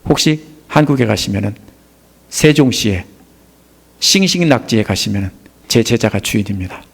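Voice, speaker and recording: A middle-aged Korean man preaching a sermon, asking the congregation questions and answering them, his voice rising for emphasis and then dropping low and soft. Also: lively intonation, normal speed, vocal fry, slightly rough. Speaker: pastor.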